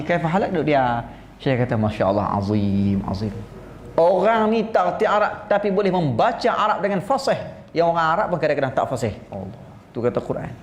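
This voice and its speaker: A man with a northern Peninsular Malaysian Malay accent giving a religious lecture, telling stories in an animated way. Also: a little high, a little hiss or hum. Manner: animated storytelling, mimics recitation styles. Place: seminar room. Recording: roomy seminar room, faint ambience.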